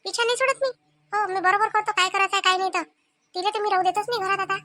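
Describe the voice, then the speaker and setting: A woman voicing a sharp-tongued, quarrelsome village wife with a Vidarbha Marathi accent in a cartoon comedy. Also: very high voice, fairly even intonation, fast talker, no room sound, faint music behind. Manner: scolding, sarcastic.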